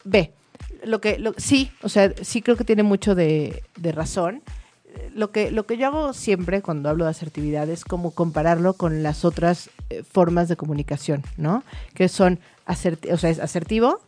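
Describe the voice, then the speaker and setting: Therapist lady chatting, lots of fillers, lowish voice. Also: expressive, moderate pace, warm tone, soft background music. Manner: chatty, many fillers, storytelling. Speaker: child therapist. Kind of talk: explanatory conversational talk.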